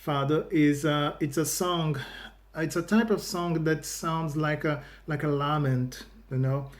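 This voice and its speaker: Chatting casually to viewers of his YouTube reaction channel, a Brazilian man speaks accented English, his second language after native Portuguese. His voice is a bit high for a man, with fairly even intonation. His speech is halting, full of restarted phrases, repeated words, and "you know" fillers.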